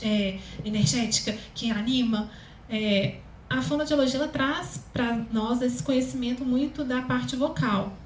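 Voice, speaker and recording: A woman with a Brazilian Portuguese accent speaks to a live audience as a communication consultant. Her voice is high and thin, and her talk is chatty and full of fillers. The recording carries room echo and a faint ambient hiss. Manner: chatty, many fillers, laughs often. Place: event hall, live audience.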